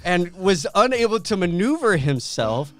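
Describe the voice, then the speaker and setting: A man co-hosting a casual podcast, telling facts as animated stories. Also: high-pitched, moderate pace, music in the background. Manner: animated storyteller, reads out facts. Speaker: podcast co-host.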